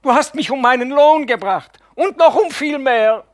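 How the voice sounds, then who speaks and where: A man's voice: extremely high pitch, normal speed, voice pushed up. A man reading an audiobook, voicing an elderly pious woman who gasps out anguished reproaches. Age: older. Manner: gasping, anguished outbursts.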